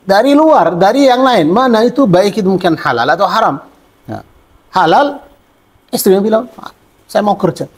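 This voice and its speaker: Husky male religious teacher, conversational. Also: high-pitched, lively intonation, moderate pace. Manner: conversational, wry, asks and answers his own questions. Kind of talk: religious study lecture.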